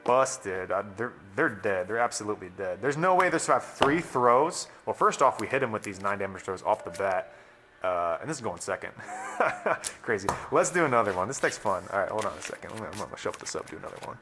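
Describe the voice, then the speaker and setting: A young man walks through a card game match in a relaxed, filler-packed way, chuckling and cursing along. His voice sits a little low. Music plays clearly underneath. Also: a little fast. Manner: casual, laughing, filler-heavy, swears. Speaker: card game deck reviewer. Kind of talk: casual gameplay demo.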